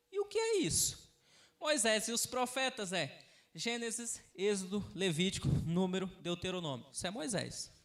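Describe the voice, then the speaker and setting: A man preaching a sermon in an animated way, acting out Bible figures and swinging from loud to quiet. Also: high voice.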